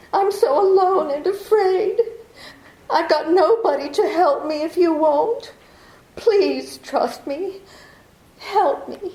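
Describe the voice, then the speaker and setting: A woman's voice: sits high, mellow. A woman playing a scheming young woman who pleads melodramatically for protection, in 1940s radio drama style, in a roomy recording.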